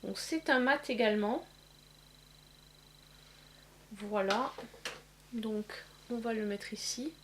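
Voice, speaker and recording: A woman demonstrating eyeshadow swatches in a casual vlog, pausing often with fillers. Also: on the high side, noisy background. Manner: hesitant, many filler pauses. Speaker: beauty vlogger. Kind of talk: casual makeup swatch demo.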